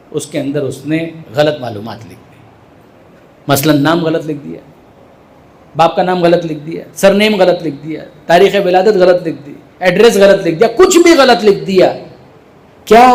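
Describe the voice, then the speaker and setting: A man's voice: on the high side, a little mellow. A man with a Pakistani Urdu accent giving a sermon in a mosque hall, posing rhetorical questions and using everyday examples. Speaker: Shia cleric giving a majlis sermon.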